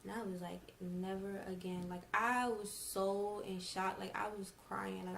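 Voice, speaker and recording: With a mid-range voice and noticeable vocal fry, a young woman casually retells a personal story for her storytime vlog. She plays out the dialogue she quotes with emphasis, over a slight hiss or hum.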